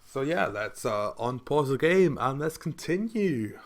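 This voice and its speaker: A man's voice: medium pitch, sing-song, a little slow. A drunk man rambling and giggling as he streams a platform game, swearing often. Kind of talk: casual drunken stream chat. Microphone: desk microphone.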